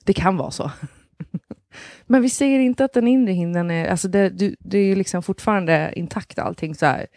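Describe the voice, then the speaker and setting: A woman's voice: mid-range voice, a little mellow, dry recording, studio quality. Laughing woman telling a story in casual chat. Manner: laughing storyteller who swears casually and acts out other people's lines. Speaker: podcast co-host.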